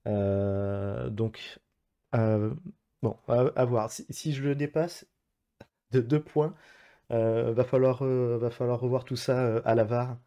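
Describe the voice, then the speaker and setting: Playing an online geography guessing game, a man casually narrates his moves, his thoughts coming out hesitant and in fragments. His voice is medium-pitched, steady, slow and dark in tone, and the recording has its highs cut off.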